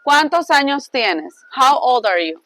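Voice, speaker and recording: A woman teaching a Spanish class, switching between English and Spanish in a lively, laughing way. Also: sits high, measured pace, rough recording.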